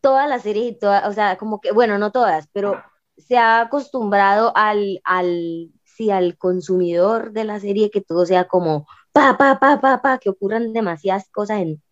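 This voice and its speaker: A woman's voice: mid-range voice, normal speed, dry recording, dull audio. A Colombian woman co-hosting a podcast, talking casually and emphatically with plenty of informal slang. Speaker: podcast co-host. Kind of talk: casual, chatty podcast talk.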